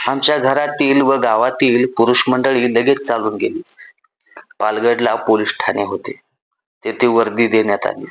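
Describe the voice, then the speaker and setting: A man narrating a classic story in a measured, reflective reading style. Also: mid-range voice, fairly bright tone, poor audio. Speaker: audiobook narrator.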